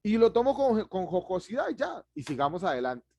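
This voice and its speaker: A man, giving an online public speaking class, who talks fast and lively and chuckles at himself. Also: sits high, gravelly, slight background noise.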